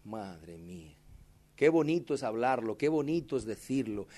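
A man's voice: mid-range voice, brisk, mellow. A male pastor, preaching a sermon with impassioned, dramatic emphasis and addressing the congregation directly. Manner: tells personal stories with dramatic emphasis.

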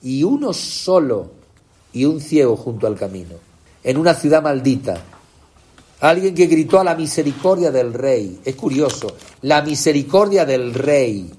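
A man preaching an impassioned sermon, asking the congregation questions and swinging between shouts and low, quiet lines. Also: expressive, a little slow, husky.

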